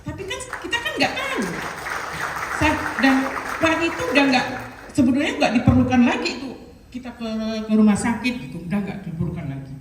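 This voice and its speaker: A middle-aged woman giving a personal testimony, telling her story in an animated way, with many restarts and quoted dialogue. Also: high-pitched, a little fast, some chatter behind, a little hiss or hum. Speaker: testimony speaker. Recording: echoey room, voice from a distance, faint ambience.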